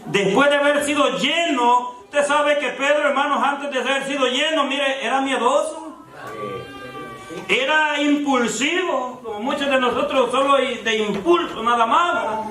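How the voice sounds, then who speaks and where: Male preacher, very high and bright, sermon style, addresses the congregation directly, roomy far-off church sound. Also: measured pace. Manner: keeps addressing the congregation as brothers, asks rhetorical questions. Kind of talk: evangelical sermon. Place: church sanctuary. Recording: echoey church, mic far off.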